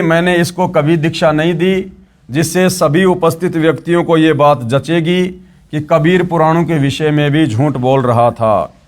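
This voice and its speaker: A man narrating a religious story and preaching to his listeners, whom he addresses as brothers and sisters. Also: a little high.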